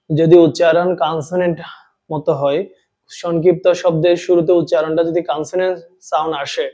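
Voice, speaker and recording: A man's voice: on the high side, mellow. Man teaching English grammar. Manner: drills students with questions and answers, reads example sentences slowly. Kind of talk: classroom grammar lesson.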